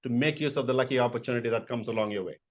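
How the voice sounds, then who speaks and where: A man's voice: mid-range voice, rapid-fire, muffled recording. A middle-aged man from India, a corporate executive answering interview questions in an emphatic, motivational way.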